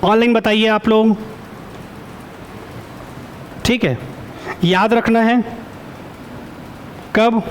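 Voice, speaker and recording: A male teacher giving an online exam-prep lecture. He keeps quizzing the students for answers, often stops to check with a quick "okay", and corrects himself as he goes. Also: high-pitched, steady tone, a little hiss or hum.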